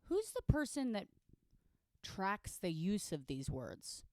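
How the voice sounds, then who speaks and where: A woman's voice: medium pitch, wildly swooping pitch, slow pace, a little mellow, dry recording, studio quality. A woman co-hosting a casual comedy podcast, playful and emphatic with a mock-serious delivery. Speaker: podcast co-host.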